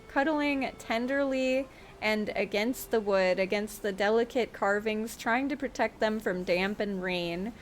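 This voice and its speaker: A woman doing let's-play commentary on a video game, reading game text aloud and pausing as she goes. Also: on the high side, slight background noise.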